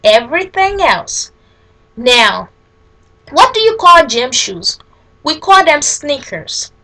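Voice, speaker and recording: A woman from Liberia with a Liberian accent, chatting casually as she answers questions, often halting and correcting herself mid-sentence. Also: high-pitched, very animated, sharp tone, rough recording.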